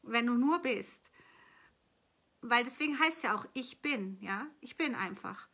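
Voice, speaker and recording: A woman's voice: a little high, animated, a little slow, sharp tone. A middle-aged woman giving an earnest, flowing spiritual coaching talk, answering viewer questions and repeating phrases for emphasis. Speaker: manifestation coach.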